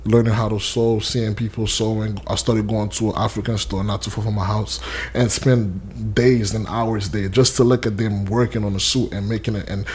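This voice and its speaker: A man's voice: on the low side, flat delivery, normal speed, breathy edge. A young man from Haiti, talking casually in an interview, rambling with fillers and restarts. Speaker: interview guest, custom suit maker.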